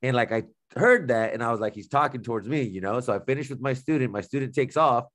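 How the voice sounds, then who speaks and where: A man's voice: mid-range voice, fast, a bit bright. A man co-hosting a podcast, telling a story in casual, blunt, profane slang and acting out the dialogue he quotes. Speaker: podcast co-host.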